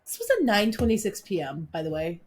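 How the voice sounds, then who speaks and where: A woman's voice: medium pitch, huge pitch swings, brisk, slightly rough. A woman co-hosting a podcast in casual chat, playful and self-deprecating, speaking from a small office. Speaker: podcast co-host. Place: small office with a fan running.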